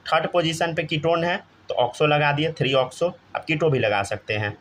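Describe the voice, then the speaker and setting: In this live classroom lesson, a man teaching chemistry speaks a little fast in a fairly high, slightly bright voice with lively intonation. He keeps urging students to answer, checks their understanding, and says "theek hai" often, while a little hiss or hum runs underneath.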